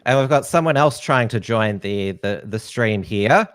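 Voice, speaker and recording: Man hosting a live stream, halting. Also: lowish voice, lively intonation, a bit bright, clear, resonant tone, no room sound. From Australia. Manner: hesitant, many uh fillers. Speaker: host. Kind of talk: live-stream political commentary.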